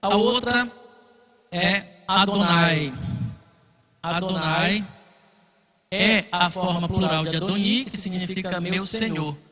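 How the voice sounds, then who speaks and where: A man's voice: high-pitched, moderate pace, few pauses, sharp tone, big-room sound. A man teaching a Bible study class, explaining patiently and checking in often with his listeners. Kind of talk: classroom lecture.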